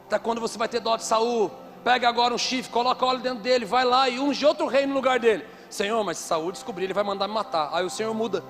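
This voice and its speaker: A man's voice: very high voice, fast, hardly any pauses, faint music behind. A man preaching a conference sermon into a handheld microphone, telling stories with playful asides. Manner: lively storytelling with playful asides.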